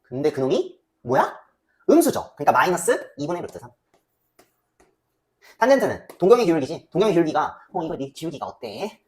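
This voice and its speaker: Brisk, animated woman teaching math. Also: low voice. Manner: chatty, asks students frequent checking questions; voices student replies herself. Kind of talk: casual lecture.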